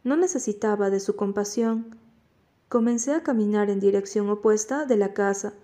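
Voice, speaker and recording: A woman reading a novel aloud in first person as an audiobook narrator, at a steady, measured pace. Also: medium pitch.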